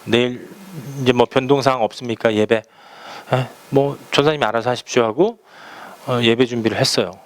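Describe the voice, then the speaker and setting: A man's voice: medium pitch, fairly even intonation, brisk. A man pastoring a church, preaching a sermon through personal stories told in a conversational way, acting out the phone calls he describes. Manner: conversational storytelling, acts out quoted phone calls.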